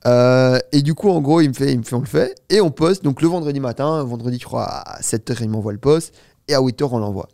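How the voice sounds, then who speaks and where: A man's voice: mid-range voice, no echo, studio quality. A man in his twenties, a startup founder and guest, telling a story at length in a casual interview, with lots of fillers and "you see". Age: 20s. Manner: fast, animated, filler-heavy storytelling with many "tu vois".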